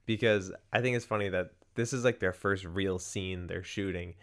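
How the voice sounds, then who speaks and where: A man's voice: low-pitched, fairly even intonation, moderate pace. A young man co-hosting a movie podcast, rambling casually and acting out lines from scenes. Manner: rambling, many likes, acts out quotes loudly. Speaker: podcast co-host. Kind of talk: casual movie review chat.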